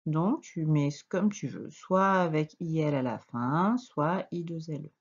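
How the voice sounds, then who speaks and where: A woman teacher with a French accent, giving a slow, patient reading and dictation lesson to a young child and spelling out letters. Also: deep voice, husky, dull audio. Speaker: primary school teacher.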